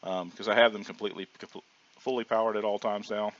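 A man with a hoarse, low voice from sinus trouble narrates gameplay at a quick pace for his gaming channel. His casual commentary is relaxed and rambling, packed with ums and restarts, and the audio is dull and lo-fi.

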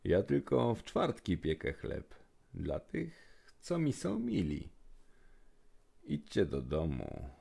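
Lonely gentle storybook troll voiced by a man, rumbling low, husky, gravelly. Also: heavily acted. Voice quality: very deep, gravelly. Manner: rhythmic verse delivery.

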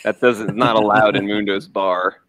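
A man's voice: fairly low pitch, steady tone, normal speed. Joking man with crowd noise behind. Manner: joking, laughing, playing clips. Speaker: guest on a live stream. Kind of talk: casual chat.

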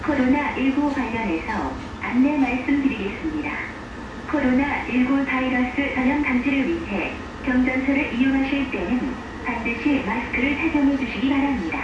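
A woman's high, polite, evenly measured announcer voice comes over a train's PA loudspeaker. It sounds distant and dull-toned and rings around the carriage, with loud rumbling train noise underneath. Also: very echoey. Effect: heard over a train PA loudspeaker. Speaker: transit announcer. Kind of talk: pre-recorded train announcement. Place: inside a moving light-rail car.

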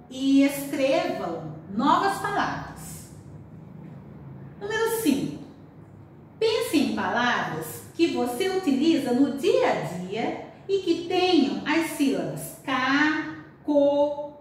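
A woman teacher with a Brazilian Portuguese accent, giving slow, clearly spelled-out instructions in a recorded lesson for children. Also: sits high, slight background noise. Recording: roomy distant home recording.

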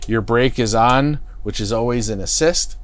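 Seated in the driver's seat of a parked motorhome, a middle-aged product expert talks at a normal pace in a mid-range voice. His unscripted how-to demo is plain and stop-start, with fillers and restarts, picked up by a lapel mic.

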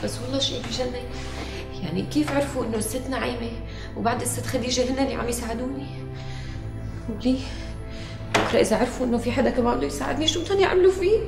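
A woman's voice: fairly high pitch, racing, gravelly, long pauses, roomy sound, over music. An actress playing a troubled young woman with a Syrian accent, asking anxious, pleading questions. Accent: Syrian Arabic. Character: troubled young woman fearing for her helpers. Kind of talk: TV period drama acting.

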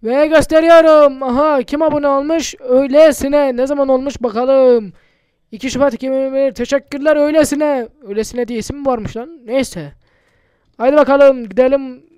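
A man's voice: very high-pitched, steady tone, a little fast, a little mellow, dry recording, clean studio sound. A man doing casual, chatty gameplay commentary for his channel, muttering to himself and swearing often. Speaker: gaming YouTuber.

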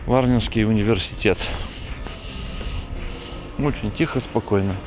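A middle-aged man giving a chatty, unhurried walking tour of city streets at night, coughing now and then, filmed on a handheld camera. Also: lowish voice, music in the background. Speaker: vlogger. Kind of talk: casual walking tour commentary.

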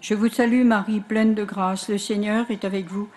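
Female prayer leader, mid register, even recitation trailing softly, outdoor setting. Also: mid-range voice, moderate pace, a little hiss or hum.

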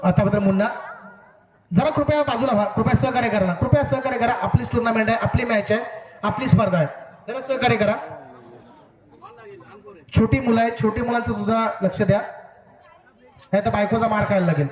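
A man giving live commentary on a local cricket match over an outdoor loudspeaker, joking and repeatedly asking the crowd to cooperate. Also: sits high, brisk, long pauses, roomy sound. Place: outdoor village cricket ground. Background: crowd at the ground.

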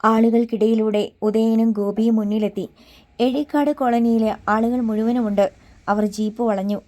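A woman's voice: on the high side, steady tone, moderate pace, warm tone. A woman reading a dramatic story aloud as an audiobook narrator, voicing the characters' lines in her own voice.

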